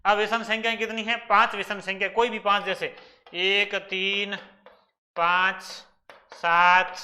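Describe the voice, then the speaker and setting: Teaching maths for exam prep, a Rajasthani-accented man goes through problems one step at a time, posing questions and answering them himself. He speaks in a high, bright, forceful voice, and there is slight background noise.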